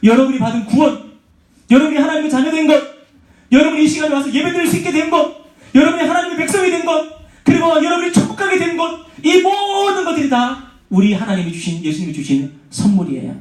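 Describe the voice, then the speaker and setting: A man preaching to high school students, animated, asking questions and having the room repeat after him. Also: fast, distant mic. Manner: animated, asks the audience questions and has them repeat. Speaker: youth pastor. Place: church sanctuary. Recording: echoey church hall.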